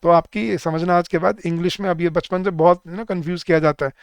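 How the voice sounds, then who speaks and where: A young man teaches grammar in a live online class, with a fairly high, smooth and clear voice. He keeps asking his class questions and slows down to read example sentences. The sound is dry and close to the mic. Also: dry recording. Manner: lively, asks the class many questions; reads English example sentences slowly. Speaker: English teacher for bank exams.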